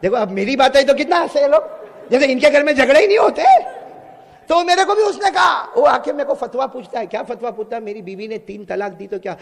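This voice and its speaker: High gravelly preacher in an echoey hall. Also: male voice, brisk. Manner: joking, bursts into loud exclamations. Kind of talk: humorous sermon storytelling.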